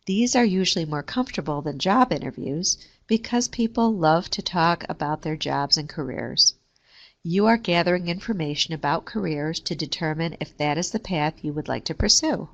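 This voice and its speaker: A woman reading a scripted careers lesson in a steady, measured way. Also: sits low. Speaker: career services presenter. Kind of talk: scripted instructional narration.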